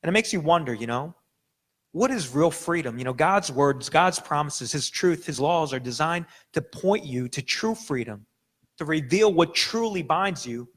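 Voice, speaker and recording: In a church sanctuary, a young adult US pastor with Korean as his first language preaches at a moderate pace. His fairly bright, expressive voice leans high. The sermon is casual in tone, full of fillers and restarts.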